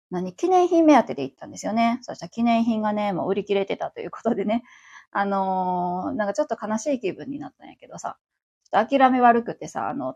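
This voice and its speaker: A woman's voice: medium pitch, creaky, darkish tone, husky, muffled recording. A woman around forty with a Kansai accent, chatting on her own as host of a livestream radio show, rambling along with many fillers. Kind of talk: casual solo chat.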